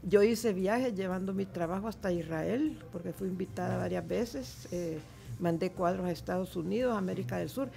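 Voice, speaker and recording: A Salvadoran woman in her seventies talks candidly on a studio microphone. Her voice is low and gravelly, and faint music sits behind her. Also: normal speed, mellow. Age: 70s. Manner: candid, chatty, laughs easily. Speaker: guest artist. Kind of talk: radio interview. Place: radio studio. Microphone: studio microphone with headphones.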